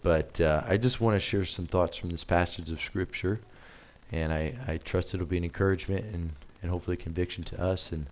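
A very low-voiced man preaching a sermon in an easy, conversational way. He stops and restarts often and fills his pauses with "uh" and "and", and his voice sounds a little strained. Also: a little mellow. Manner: hesitant, many fillers and restarts. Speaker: missionary preacher.

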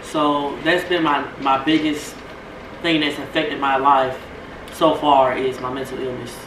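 A woman's voice: very deep voice, flat delivery, unhurried. A woman co-hosting a casual vlog chat, talking openly and rambling about herself. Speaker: co-host. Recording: roomy echo, distant mic, background noise.

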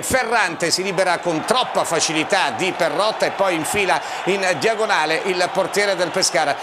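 A man hosting a live sports show, commentating on football highlights. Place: TV studio. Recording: clear background noise behind voice.

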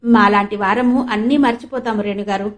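A woman's voice: medium pitch, fairly even intonation, a little fast, close to an everyday voice. A woman voicing a jovial, teasing young village man who banters cheekily in an audiobook reading.

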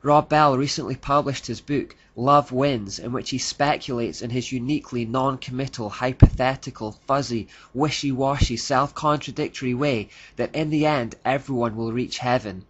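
A man's voice: medium pitch, moderate pace, hardly any pauses, highs cut off. A man giving scripted narration in a critical tone, reading out quotes.

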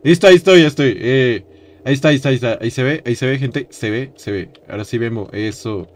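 A young man streaming a horror game, jumpy and loud, yelping in fright, chanting phrases over and over and laughing often. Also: medium pitch, quick pace. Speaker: gaming streamer. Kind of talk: let's-play game commentary.

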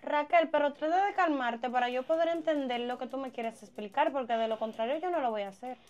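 A woman's voice: high voice, brisk, muffled recording, lightly acted. A woman playing an inquisitive female friend who teases and presses with questions. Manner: inquisitive, teasing. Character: nosy, teasing female friend.

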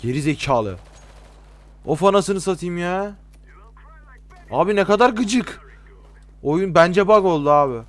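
A man's voice: high-pitched, a little slow, pauses often. A young man with a Turkish accent commentating his own gameplay for his channel viewers, exasperated and swearing at the game. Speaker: gaming YouTuber.

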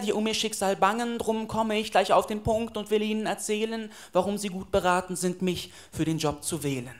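High-voiced male slam poet on stage, dramatic and rhythmic. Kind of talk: rhymed spoken-word performance. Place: live stage at a poetry slam.

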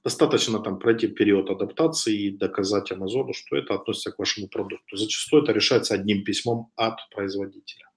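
A man in his thirties, an online business instructor, lectures over slides by webcam from a home room with wooden shelves. His voice is on the low side and fast, casual and conversational with frequent hesitations, restarts, and a slight cough from a cold; the room sounds echoey.

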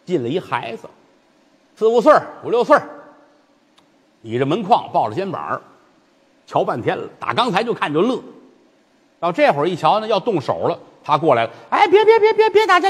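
A man telling a comic traditional story, lively and chuckling in asides to listeners. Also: fairly high pitch, breathy edge, long reverb tail.

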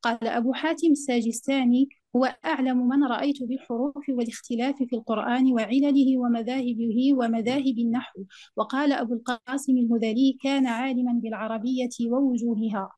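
Woman reading her conference paper, kinda high voice, mellow, dry sound. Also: fairly even intonation, no room sound. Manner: measured formal reading. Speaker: conference presenter.

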